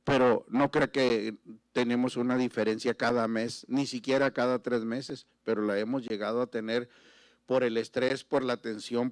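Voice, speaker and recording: Middle-aged pastor, dramatic volume swings. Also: male voice, mid-range voice, no echo, studio quality. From Mexico. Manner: swings from loud exclamations to near-whispers. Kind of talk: emotional sermon storytelling.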